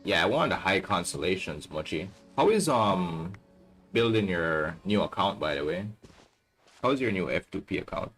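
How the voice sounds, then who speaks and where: A man's voice: sits low, expressive, moderate pace, a bit bright, faint music behind. A young man streaming a game, chatting casually in a laid-back way and calling his viewers bro. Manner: laid-back, calls everyone bro, reads chat aloud. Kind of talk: casual live-stream chat while playing.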